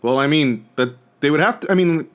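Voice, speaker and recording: A man's voice: fairly high pitch, fairly quick. A man co-hosting a podcast, chatting casually, hesitant and often repeating words before trailing off. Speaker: podcast co-host. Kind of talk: casual chat.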